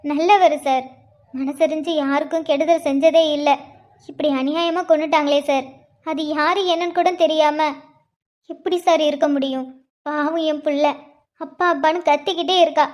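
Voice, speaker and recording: A woman's voice: high voice, a little mellow, natural voice. A woman voicing a grieving young widow in a cartoon, tearfully pleading with the police for justice.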